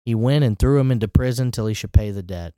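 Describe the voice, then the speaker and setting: A man's voice: mid-range voice, quick pace, dark tone, smooth, dry recording, studio quality. A man preaching a sermon in a conversational way, with rising emphatic asides.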